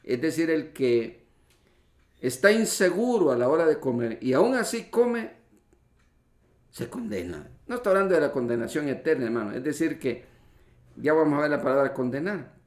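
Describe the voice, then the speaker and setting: In a church hall, a male pastor delivers a sermon at a moderate pace, his voice on the high side and expressive. He takes a teacherly approach, unpacking word meanings step by step and going over spelling rules while frequently calling the congregation brothers. The audio comes from an echoey church livestream.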